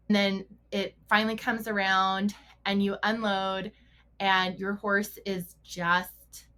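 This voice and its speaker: A woman's voice: medium pitch, pushed and bright. Middle-aged female podcast host, mid-range voice, casual, laughs easily, asks rhetorical questions. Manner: conversational, self-correcting, laughs often, rhetorical questions. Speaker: podcast host and mental performance coach for riders. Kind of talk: casual solo podcast talk.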